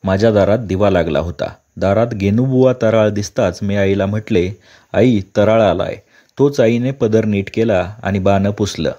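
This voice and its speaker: A man narrating a story aloud in a calm, steady storytelling manner. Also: lowish voice, normal speed, few pauses. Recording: dull lo-fi recording.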